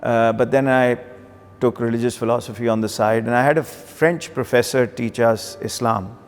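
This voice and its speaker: As a guest in an interview, a middle-aged Pakistani-accented banker from Karachi tells his story and reflects in a conversational way, now and then using Urdu phrases. He speaks at a medium pitch, normal speed, and steady tone, in a big-room sound with background music.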